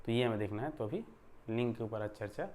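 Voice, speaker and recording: A man's voice: medium pitch, fairly quick, darkish tone, a little hiss or hum. A man teaching a grammar lesson in a conversational way, often checking in with his listeners and stressing words to show emphasis. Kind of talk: explanatory online lesson.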